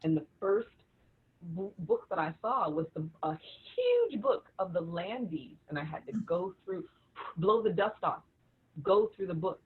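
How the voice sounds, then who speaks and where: A woman's voice: lowish voice, sing-song, unhurried, breathy edge. A woman co-hosting a livestream, telling her family research story with many restarts over a video call. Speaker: co-host and author. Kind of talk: casual livestream conversation. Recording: tinny phone-like video call audio.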